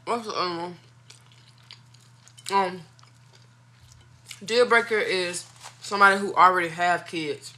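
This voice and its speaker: Bright, forceful woman chatting casually. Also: fairly low pitch, steady tone, a little slow, long pauses. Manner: candid, opinionated, informal slangy speech. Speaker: mukbang video host. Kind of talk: casual chat to viewers.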